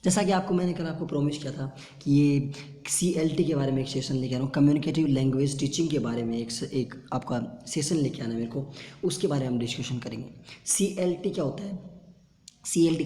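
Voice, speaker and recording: In this online exam-prep class, a male lecturer speaking Hindi uses a dark, medium-pitched voice. He slowly repeats terms to drill their pronunciation, and long reverb from the echoey room colors the recording.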